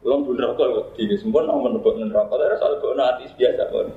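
A man's voice: medium pitch, quick pace. A man with a Javanese accent giving a casual religious talk, joking and laughing often as he recites Arabic verses. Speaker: Islamic preacher. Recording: roomy, dull lo-fi recording.

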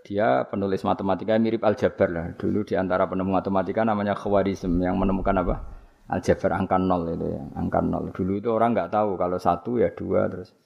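Male preacher with a Javanese accent, rough gravelly low voice, casual sermon with laughs. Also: fairly even intonation, fast talker, highs cut off. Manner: joking, laughing, slips into Javanese. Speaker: Islamic preacher.

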